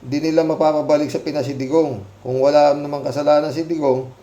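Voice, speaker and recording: A man's voice: a little high, steady tone, fast, dark tone, highs cut off. A man hosting a casual commentary show, reading out viewer comments with sarcastic, mocking remarks and frequent laughter. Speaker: commentary channel host. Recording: roomy echo.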